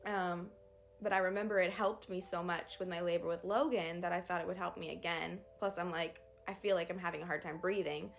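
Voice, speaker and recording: A woman's voice: lowish voice, brisk, gravelly, faint music behind. Young woman telling a birth story. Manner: candid, animated retelling with acted quotes. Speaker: vlogger. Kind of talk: casual storytime.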